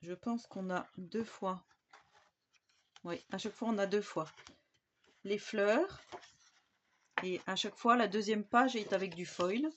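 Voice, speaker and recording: A woman's voice: mid-range voice, unhurried, pauses often, fairly bright tone. A woman from France in a casual scrapbooking haul video, chatting her way through craft paper pads with lots of fillers and restarts. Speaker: scrapbooking YouTuber. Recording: slightly dull home recording with faint background noise.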